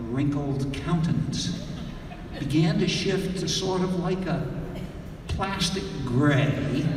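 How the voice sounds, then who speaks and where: A male humorist spins a folksy yarn in a fairly high voice, stretching words for comic emphasis. He is recorded at a distance in a hall with heavy echo. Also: a little mellow. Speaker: humorist storyteller. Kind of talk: live humorous storytelling. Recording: very echoey hall, distant mic, faint noise.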